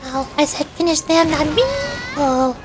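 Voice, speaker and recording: Over game music, a woman streaming as a VTuber chats playfully with her viewers and pokes fun at herself while commenting on the game. Her voice is high and steady, and she speaks at a normal speed.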